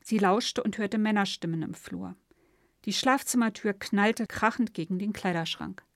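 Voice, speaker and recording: A woman's voice: medium pitch, moderate pace, creaky, no echo. Woman reading a story, dry sound. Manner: dramatic reading. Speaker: narrator. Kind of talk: storybook narration.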